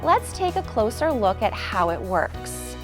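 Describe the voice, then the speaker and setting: A woman host and teacher who explains a reading skill clearly, then coaches a child with patient, upbeat praise. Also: medium pitch, very animated, unhurried, over music. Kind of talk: scripted teaching intro and one-on-one demonstration.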